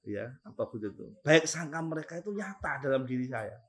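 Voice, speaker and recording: A man with a Javanese accent giving a casual religious study talk to students, animated and often chuckling, stopping to repeat and explain terms. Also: medium pitch, fairly quick, slightly rough. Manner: animated, swings between loud stresses and soft asides, chuckles often. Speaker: Islamic teacher at a boarding school.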